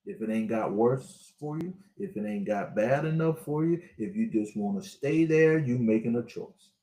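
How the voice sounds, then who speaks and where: A man's voice: medium pitch, lively intonation, moderate pace, dark tone, roomy sound. Sixty-year-old man preaching to viewers. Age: 60s. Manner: preachy, repetitive, direct address to viewers. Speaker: spiritual life coach. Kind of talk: motivational livestream talk.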